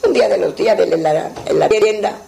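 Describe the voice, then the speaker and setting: A man telling a traditional folktale in a plain, unhurried folk manner. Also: high voice, vocal fry, dark tone, rough recording. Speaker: storyteller.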